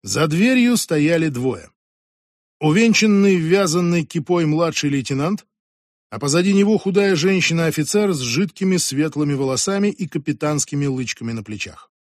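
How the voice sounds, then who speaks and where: A man narrating an audiobook in a measured, even storytelling manner. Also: on the high side, no room sound, studio quality. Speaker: audiobook reader. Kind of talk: scripted narration.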